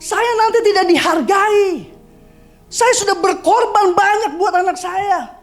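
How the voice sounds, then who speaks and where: A woman preacher acting out an older mother who is hurt and indignant about her child, protesting and rising into shouts. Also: very high-pitched, unhurried, soft background music, pitched above the performer's own voice.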